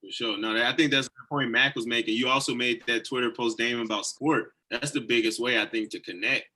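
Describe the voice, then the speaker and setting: A young man from St. Louis, a former college athlete, talking in a relaxed, conversational way in a panel discussion. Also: mid-range voice, fairly quick, rough recording.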